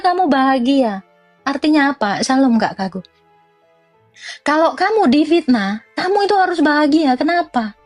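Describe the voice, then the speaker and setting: Young woman, high voice, blunt mocking commentary, dry close sound, faint music behind. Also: no room sound. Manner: blunt, mocking and animated, with laughs and swings of pitch. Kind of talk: informal religious commentary rant.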